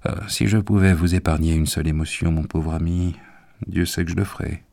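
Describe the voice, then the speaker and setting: A grave old professor, as a male narrator plays him, with a very low, gravelly voice. He speaks solemnly and measures every phrase, patient even when pressed. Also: a little fast.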